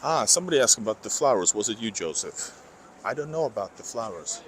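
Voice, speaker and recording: A fast-talking man with a lowish, expressive voice and a slight Finnish accent streams a walking tour of city streets for his chat. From Finland, with Finnish or Russian as his first language, this vlogger rambles, revises what he says, and reads comments aloud. The street recording is noisy with traffic.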